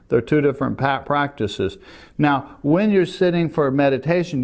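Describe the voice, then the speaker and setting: Older man, meditation teacher, gentle explanatory lesson, medium pitch. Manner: gentle and explanatory, pointing to a drawn diagram. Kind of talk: calm spoken lesson.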